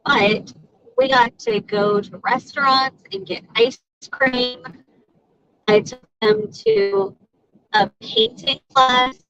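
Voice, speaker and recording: A woman's voice: sits high, big pitch swings, takes it slowly, gravelly, a bit bright. A woman co-hosting a casual chat over a video call, chatty and rambling. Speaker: co-host. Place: in a car. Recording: muffled call audio with faint music.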